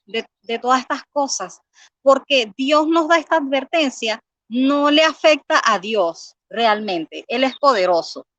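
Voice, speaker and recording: A woman's voice: a little high, fairly bright tone, no echo, dull audio. A woman giving an earnest personal faith testimony, reading scripture aloud and often repeating words as she pleads with listeners.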